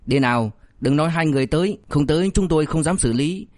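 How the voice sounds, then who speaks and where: A man voicing an easygoing male crime squad leader who jokes and smooths things over. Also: a little high, fast, a little mellow, no echo, clean studio sound, pitched above the performer's own voice, close to an everyday voice. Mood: joking.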